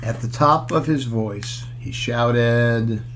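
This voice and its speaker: A man with a mid-range, somewhat bright voice reads a kids' picture book aloud, storyteller-style, with chatty pauses to discuss the pictures and ask listeners things. A little hiss or hum runs under the recording.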